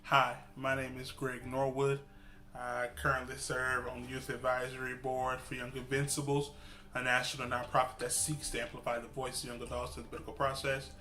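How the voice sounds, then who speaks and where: A man in his twenties, a student advocate, speaking in an earnest, measured way in a testimonial interview. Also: mid-range voice, monotone, pushed and bright, soft background music.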